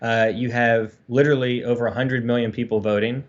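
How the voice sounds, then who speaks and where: A man's voice: medium pitch, steady tone, brisk, highs cut off. A man co-hosting a casual livestream chat, rambling earnestly with many fillers. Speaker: co-host.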